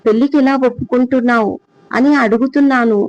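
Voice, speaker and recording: A storyteller voicing a lovesick young man pressing his beloved with sharp questions, on a dull, dry recording. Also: extremely high pitch, steady tone, fast, dry recording, voice pushed up. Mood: pleading.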